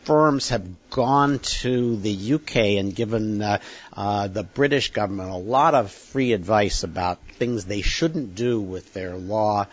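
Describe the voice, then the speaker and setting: A man hosting a podcast, talking in a halting way with many fillers. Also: fairly low pitch, highs cut off. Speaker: podcast host. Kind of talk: casual podcast chat.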